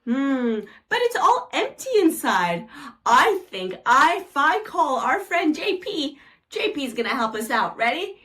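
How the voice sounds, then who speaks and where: A woman's voice: high voice, very animated, a little slow, sharp tone. A woman presenting a lesson as if reading to a toddler, playful and exclaiming, asking simple questions and stretching out key words. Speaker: children's presenter.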